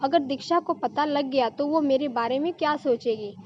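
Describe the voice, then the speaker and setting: A woman's voice: sits high, moderate pace, muffled recording, natural voice. A woman voicing a nervous, awkward young husband in a told story. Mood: uneasy. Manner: hesitant, awkward.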